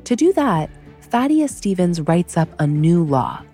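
Woman, podcast host, scripted history narration, wry, warm tone, soft music behind. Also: on the low side, very animated, a little slow, slightly rough. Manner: wry, conversational storytelling.

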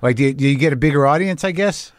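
A man in his fifties from New Mexico hosting a casual chat, laid-back and full of quick agreements. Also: a little high, dry recording, studio quality. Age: 50s. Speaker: host.

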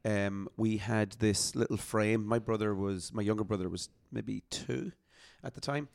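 A man's voice: on the low side, steady tone, unhurried, creaky, a little mellow, no room sound, clean studio sound. A man with an Irish accent hosting a casual chat in a teasing, jokey manner.

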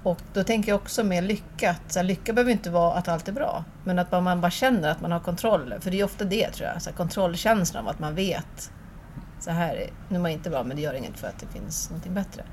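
Hesitant low-pitched woman thinking aloud. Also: darkish tone, a little hiss or hum. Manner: hesitant, searching for words. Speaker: conversation partner. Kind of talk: reflective conversation.

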